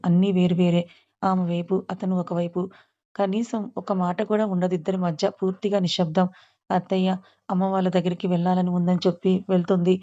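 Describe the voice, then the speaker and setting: A woman storyteller narrating a family drama in a plain, steady manner. Her voice is mellow with little pitch movement. The recording is slightly dull and lo-fi.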